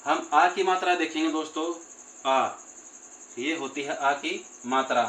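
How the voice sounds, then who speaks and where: A man's voice: a little high, moderate pace, a bit bright, rough recording. A man teaching a grammar lesson, patiently repeating and drawing out vowel sounds while addressing his listeners as friends.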